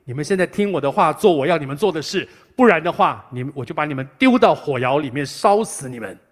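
A man's voice: a little high, expressive, fast, big-room sound. A man playing an arrogant, threatening tyrant king with a taunting, domineering manner.

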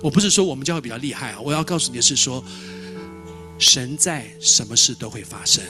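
A man preaching a sermon as a lively storyteller who repeats words and acts out dialogue. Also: medium pitch, quick pace, music in the background. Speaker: pastor.

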